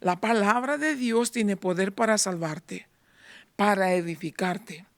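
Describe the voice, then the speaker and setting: A man in his fifties preaching a sermon in church, moving between fervent raised passages and hushed near-whispers. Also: high voice, measured pace, no room sound. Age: 50s. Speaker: pastor.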